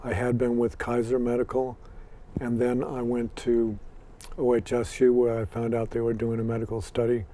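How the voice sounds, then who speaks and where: A man's voice: medium pitch, monotone, moderate pace, mellow. A man in his sixties with an American accent, born in Scotland and raised in Ireland, answering interview questions in a plainspoken, dry way. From born in Scotland, raised in Ireland and Los Angeles. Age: 60s. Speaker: interview guest.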